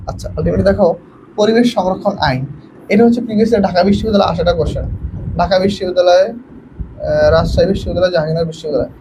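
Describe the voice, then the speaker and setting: Fast, high-voiced young man teaching online. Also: darkish tone, slight background noise, low-quality recording. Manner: quizzing students, urging quick answers; repetitive, mixes in English words. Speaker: admission coaching teacher. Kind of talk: online class lecture.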